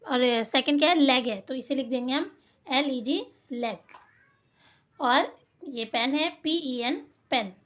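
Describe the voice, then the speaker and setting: A woman's voice: high-pitched, slow pace, a bit bright. A woman teacher, going through a worksheet, spelling each word out letter by letter and asking and answering her own questions. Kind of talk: classroom lesson explaining a worksheet.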